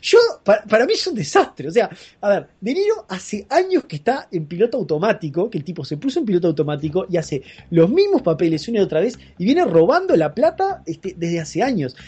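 Animated podcast co-host. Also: medium pitch, fairly quick, few pauses, breathy edge. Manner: animated, hesitant with many fillers, incredulous. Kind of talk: casual podcast banter.

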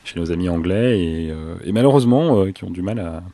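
A man's voice: deep voice, expressive, a little fast, dark tone, no room sound. A man co-hosting a casual podcast, often stammering and mocking himself. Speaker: podcast co-host.

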